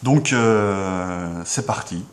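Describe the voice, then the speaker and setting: A young man with a Belgian French accent and a fairly low voice, talking to camera in a deadpan comic monologue. He hesitates constantly, with filler sounds and restarts, and sometimes jumps into high mock outrage. A faint hiss runs under the home recording. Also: drawn-out words. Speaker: comedy vlogger.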